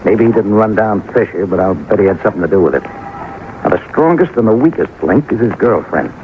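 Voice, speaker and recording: On a tinny, noisy vintage radio recording, an American actor voices a persistent, shrewd police sergeant in a detective drama, all terse business and intent focus. His lowish, natural-sounding voice is animated and brisk.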